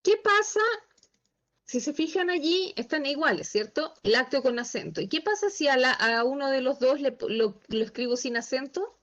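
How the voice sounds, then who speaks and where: Female instructor, high voice, patient step-by-step teaching, slightly muffled call audio. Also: big pitch swings, normal speed, fairly bright tone. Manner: patient, asks the class checking questions. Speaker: Excel instructor. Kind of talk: online class teaching. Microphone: video call.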